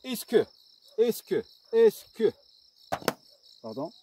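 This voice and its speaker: A male teacher giving a slow, lively grammar lesson, dictating and repeating himself with hesitations. His voice is picked up from a distance, with faint insect chirping in the background. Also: high-pitched, background noise. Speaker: primary school teacher.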